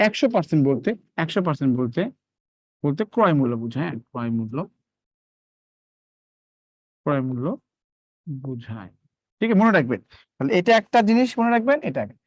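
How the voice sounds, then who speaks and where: A man's voice: extremely high pitch, no echo, clean studio sound. A man teaching a live online math lesson, repeating questions to his students and drilling them step by step.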